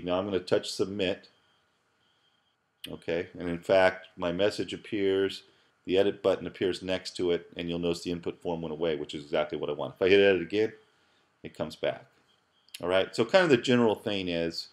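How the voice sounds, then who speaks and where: Narrating an app programming screencast, this professor has a very deep voice and sounds middle-aged and at ease, like a teacher sitting at his desk. He explains things casually on the fly, thinking out loud, filling pauses and restarting words.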